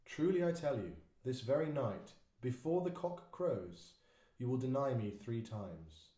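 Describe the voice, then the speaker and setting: A man voicing Jesus as a solemn grown teacher in a dramatised Bible reading, speaking with grave, measured weight. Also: medium pitch, expressive, mellow, lightly acted. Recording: echoey room.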